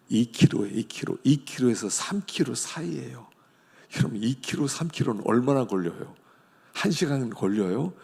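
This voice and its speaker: A man preaching a sermon as pastor, swinging from loud declarations to hushed whispers. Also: mid-range voice, vocal fry, husky. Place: church sanctuary. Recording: long church hall reverb.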